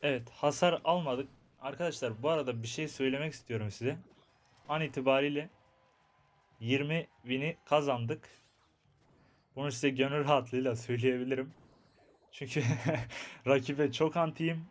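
A young man giving chatty, excitable commentary on his own mobile game match, talking to his viewers and to himself. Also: mid-range voice, moderate pace. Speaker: gaming YouTuber. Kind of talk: live gameplay commentary.

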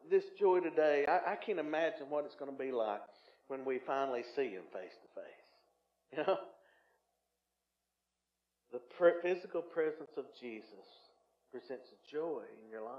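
Man, pastor, sermon, higher voice, folksy, fillers and restarts, echoey sanctuary, slightly muffled. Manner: folksy storytelling with frequent fillers and restarts, swells loud for emphasis. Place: church sanctuary. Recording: roomy, slightly dull church recording.

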